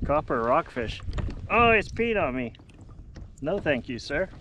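A man in his thirties casually talking to himself while fishing from a kayak out on the sea, giving relaxed running commentary on each catch. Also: a little high, a little slow, poor audio. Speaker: kayak angler. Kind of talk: casual self-narrated fishing vlog. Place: kayak on open sea, outdoors. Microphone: action camera mounted on kayak. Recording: wind and sea noise on action cam. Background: wind and water noise.

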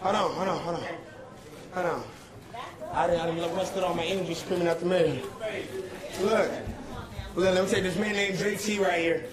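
Young male protester, raised high voice, urgent and pleading, roomy council chamber, loud crowd noise behind. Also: steady tone, normal speed, long pauses. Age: young adult. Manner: urgent, pleading, repeats himself to hold the room. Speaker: protester addressing a council meeting. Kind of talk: impassioned public address. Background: shouting crowd.

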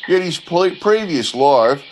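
A man reading an old-fashioned literary yarn as a narrator, in a measured, scripted style. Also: on the high side, expressive, slight background noise.

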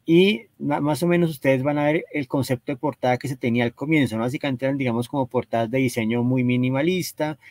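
A man's voice: medium pitch, fast, few pauses, darkish tone, no room sound. A man giving an explanatory talk on cover art, hesitant and constantly checking in with his listeners. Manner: hesitant, constantly tags phrases with "¿no?" and "¿cierto?". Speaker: lecturer presenting book cover art.

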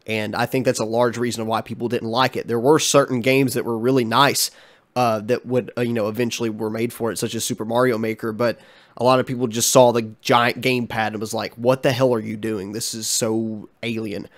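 A man's voice: mid-range voice, little pitch movement, brisk. A young man with a stuffy, congested voice, talking through a casual commentary vlog as its host, chatty and frank with many ums and uhs. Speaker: channel host.

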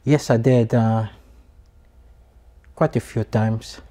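A man answers questions in a TV studio. His voice is dark and mellow, and he often stops and restarts his words. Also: mid-range voice, steady tone, slow pace. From Haiti. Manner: hesitant, repeats and restarts words. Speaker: guest, English student. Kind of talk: interview answers.

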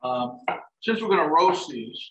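A middle-aged chef and dining services director, with a fairly high, unhurried voice, demonstrates cooking live in a large home kitchen, relaxed and step-by-step with many "um"s and "like I said"s. A fixed camera across the counter records him from a distance, so the audio is echoey with faint hiss and the highs are cut off. Turkey sizzles in a pan.

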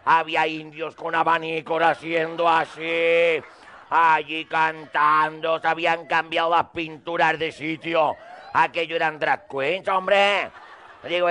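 A man's voice: a little high, bright, forceful tone. A man telling a rambling, crude comic monologue in character, acting out both sides of the dialogue.

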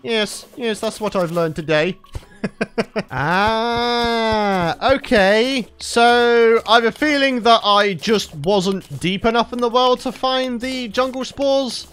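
Very high-pitched, slow, smooth and a bit bright, the voice comes from a young man who regularly hosts a gaming channel. He cheerfully chats his way through a let's play, laughing frequently and addressing viewers, though late-night recording has made him sound tired.

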